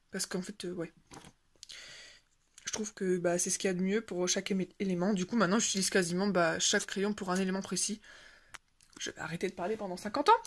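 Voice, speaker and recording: A woman chatting casually as a coloring vlogger, rambling and hesitant with many fillers and self-corrections, with a self-deprecating chuckle now and then. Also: mid-range voice. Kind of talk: casual show-and-tell chat.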